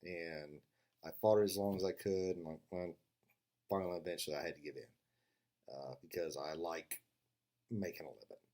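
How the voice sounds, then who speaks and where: A man's voice: deep voice, fairly even intonation, moderate pace, pauses often, mellow. An older man telling funny stories in a casual, rambling monologue, full of "uh" fillers and restarts, sarcastically acting out both sides of a conversation. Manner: sarcastic storyteller who acts out both sides of a dialogue. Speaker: vlogger.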